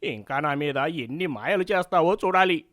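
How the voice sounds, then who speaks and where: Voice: medium pitch, animated, normal speed, a bit bright, no room sound, studio quality, close to an everyday voice. A performer voicing a cheeky male rooster in a storybook cartoon, grumbling and teasing in a scolding manner. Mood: teasing grumble.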